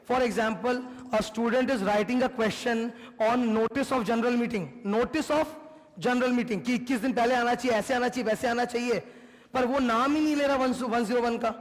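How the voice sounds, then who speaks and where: An Indian man teaching a class, emphatic and repetitive, mixing Hindi and English as he lectures. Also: high voice. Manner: mixes Hindi with English, emphatic, repeats points. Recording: long hall reverb.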